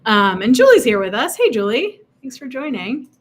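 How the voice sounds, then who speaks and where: A woman's voice: a little high, sing-song, moderate pace. Chatty woman co-hosting a live podcast. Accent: General American, New York accent lost. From New York. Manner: chatty, laughs often, many ums. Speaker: podcast co-host. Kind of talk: live-stream podcast chat.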